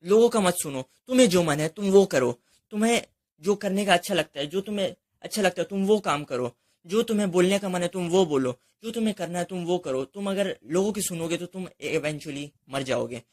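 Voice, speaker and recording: A young man delivers an earnest motivational monologue with a slightly high voice. He drives his points home through repetition, speaking straight to the listener and slipping English phrases into his talk. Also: animated, brisk, a little mellow. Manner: mixes English phrases into Hindi speech.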